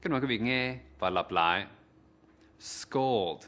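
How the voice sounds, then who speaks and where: A man presenting a TV English vocabulary lesson, pronouncing words slowly and formally for viewers to repeat. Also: on the low side, pushed and bright. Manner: slow, formal, deliberate enunciation. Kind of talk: scripted pronunciation drill.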